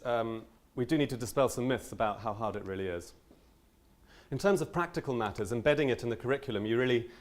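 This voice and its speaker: Young male teacher, earnest conference speaker, mid-pitched, lots of ums and restarts. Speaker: language teacher giving a conference talk. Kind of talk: conference talk.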